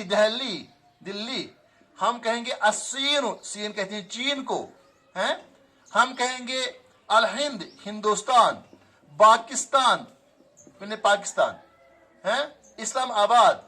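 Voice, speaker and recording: Male teacher, high voice, drills phrases slowly and quizzes the class. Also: sharp tone. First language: Kashmiri. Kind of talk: classroom grammar lesson.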